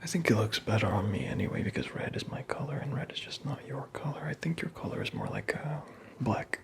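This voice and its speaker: A man playing a teasing, vain Santa Claus in an ASMR roleplay, murmuring slowly in a breathy whisper. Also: lowish voice, wildly swooping pitch, exaggerated voice. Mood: smug teasing.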